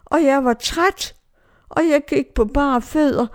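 A woman's voice: high voice, pitched above the performer's own voice, lightly acted. A woman voicing a four-year-old girl who innocently explains how she got lost. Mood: earnest. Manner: innocent, plain recounting. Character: little girl of four, earnest and tired.

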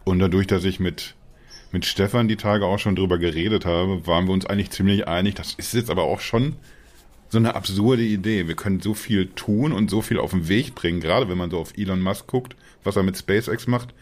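Low-voiced man joking on a podcast. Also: brisk, a little mellow. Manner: joking, hesitant restarts. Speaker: podcast co-host. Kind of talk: casual chat. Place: home in Dortmund, remote.

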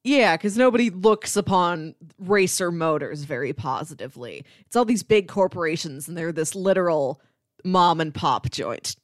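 A woman with a fairly low voice co-hosts a podcast, casually discussing a film and summarizing its plot in an animated, explanatory way at a moderate pace. The recording is dry and close, with very little room sound.

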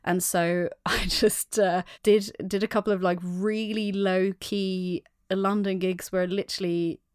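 A woman's voice: medium pitch, level tone, a little slow, a little mellow, clean tone, dry recording. Young woman guest, candid rambling storyteller, dry close sound. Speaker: guest, actor and singer. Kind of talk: casual podcast interview.

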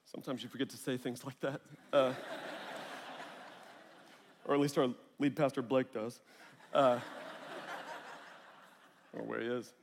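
A man in his thirties preaching a sermon as a storytelling pastor, lively and acting out family conversations. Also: mid-range voice, slow, long pauses, a little hiss or hum. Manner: animated, acts out family dialogue. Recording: long hall reverb.

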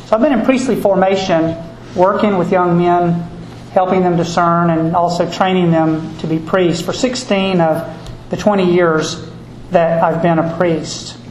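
A middle-aged male priest from Georgia, reading scripture and preaching at a service in a measured, deliberate way, with a cathedral-like echo around his voice. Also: high-pitched, fairly even intonation. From Georgia, USA. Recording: echoey church with faint background noise.

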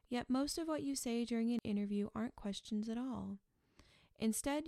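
A woman narrates her own nonfiction book in a calm, measured audiobook read. Her voice is mellow and warm, with a steady gravelly fry at phrase ends. The sound is dry and close, with no room around it. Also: mid-range voice, no room sound. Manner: calm, measured, gently explanatory.

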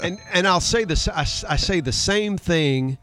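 A man's voice: high voice, lively intonation, normal speed, fairly bright tone, soft background music. A middle-aged man co-hosting a conversational political talk show, speaking emphatically, reading news headlines aloud and keeping up a running exchange with his co-host.

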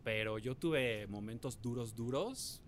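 A young adult man with a Mexican Spanish accent, a podcast guest telling stories casually and acting out quotes with big jumps in pitch. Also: measured pace, slight background noise. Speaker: podcast guest, former reality show contestant. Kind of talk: casual storytelling.

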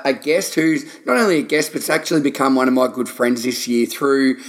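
A man's voice: mid-range voice, fairly quick. A man hosting a podcast, introducing a guest and asking questions in an upbeat, enthusiastic way. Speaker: podcast host.

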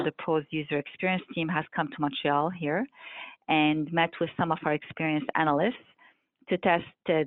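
A woman in her forties from Lebanon speaks in a fairly low voice, measured and full of ums and uhs. The sound is thin and phone-like, and very dry with no room to it. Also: no echo. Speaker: airline revenue management guest. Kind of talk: casual interview answers. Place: Montreal office. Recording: tinny phone-like line, dry.

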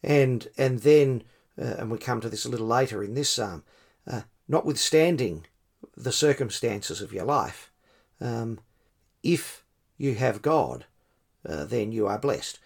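A man's voice: medium pitch, animated, measured pace, vocal fry, husky. Hesitant man musing on scripture. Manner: hesitant, searching, with stumbles and restarts. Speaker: Bible study participant. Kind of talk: reflective group discussion.

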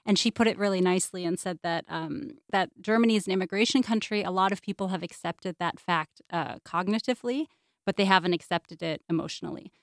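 A woman's voice: on the low side, brisk, dry recording, studio quality. A woman, a radio guest speaking in a thoughtful, conversational way. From United States. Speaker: guest, series producer. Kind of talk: radio interview discussion.

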